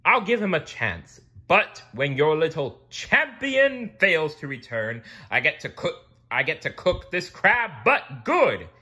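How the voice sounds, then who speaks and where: A man voicing a stern, short-tempered sea king in a storybook read-aloud, loud and commanding. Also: on the high side, big pitch swings, takes it slowly, husky, pitched above the performer's own voice, exaggerated voice.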